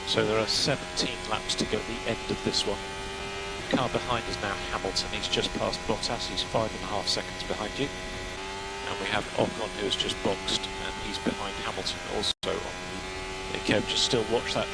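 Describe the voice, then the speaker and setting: Low-voiced man on very noisy team radio. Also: steady tone. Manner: measured, instructional, reads out gaps and numbers. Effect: team radio transmission. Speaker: race engineer. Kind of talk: team radio race updates and coaching. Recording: very noisy team radio, humming, engine noise. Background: loud hum and car noise.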